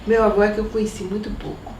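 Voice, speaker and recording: An older woman from Salvador, recalling her family in an oral history interview at an unhurried pace. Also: mid-range voice, flat delivery, distant mic. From Salvador, Brazil. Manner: reminiscing, unhurried, with soft laughs. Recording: echoey room, voice from off mic, faint noise.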